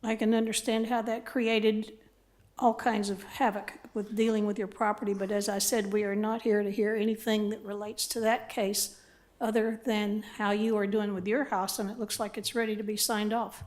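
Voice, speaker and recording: Woman, board chair, direct, questioning, flat delivery. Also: mid-range voice, moderate pace. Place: council chambers.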